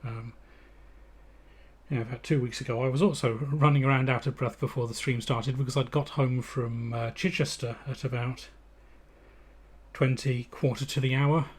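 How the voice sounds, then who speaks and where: Husky-voiced English man chatting on stream. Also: mid-range voice, steady tone, moderate pace. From England. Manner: rambling with frequent fillers and restarts. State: out of breath. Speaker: livestream host. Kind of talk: casual live-stream chat.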